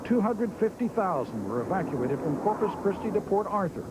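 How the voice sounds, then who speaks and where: A man narrating a television history documentary in a smooth, measured, scripted way. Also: high voice, very animated, very noisy. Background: music.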